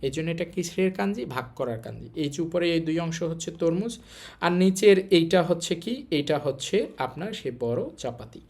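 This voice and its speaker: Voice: medium pitch, lively intonation, brisk, darkish tone. A kanji teacher with a Bangladeshi Bengali accent, explaining a lesson patiently, repeating points and asking rhetorical questions.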